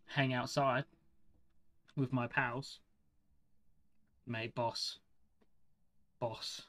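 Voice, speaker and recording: Slow, exasperated, foul-mouthed male streamer. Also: medium pitch, little pitch movement, a bit bright. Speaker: game streamer. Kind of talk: casual live-stream reaction, heavy swearing.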